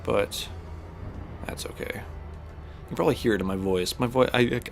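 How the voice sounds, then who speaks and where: With vocal fry in his medium-pitched voice, a man chats at a moderate pace while playing a space game for his gaming channel. His talk is rambling and stuffed-up, thick with fillers and restarts, and faint music sits underneath.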